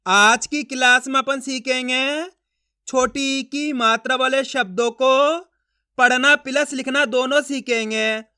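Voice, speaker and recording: A man teaching Hindi reading online, sounding out syllables slowly one by one and checking with viewers that it is clear. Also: very high voice, steady tone, pushed and bright, dry recording, clean studio sound. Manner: slow, drawn-out syllable-by-syllable pronunciation drills; addresses viewers as friends, asks if it's clear.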